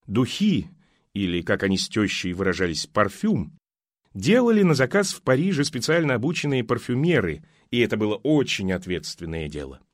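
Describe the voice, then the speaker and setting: Male narrator, audiobook, expressive, lively pitch, dry sound. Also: moderate pace, no room sound. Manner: expressive, dramatic reading.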